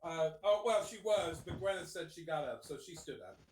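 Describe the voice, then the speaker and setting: A man's voice: a little high, lively intonation, moderate pace, roomy sound, recorded from a distance, slight background noise, poor audio. A man narrating as game master of a tabletop game, hesitant, with many ums and restarts.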